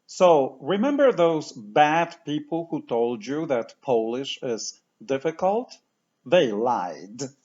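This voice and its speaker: A man teaching pronunciation patiently, saying each word slowly and repeating it for the listener to copy. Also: mid-range voice, big pitch swings, a little mellow, highs cut off. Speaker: language teacher. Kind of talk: slow, clear pronunciation lesson.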